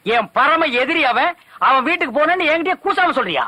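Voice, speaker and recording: An actor playing a boastful former village president who mocks and teases in film comedy dialogue. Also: male voice, very high-pitched, animated, a little fast, pushed and bright, full character voice. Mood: mocking. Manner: mocking, sarcastic banter.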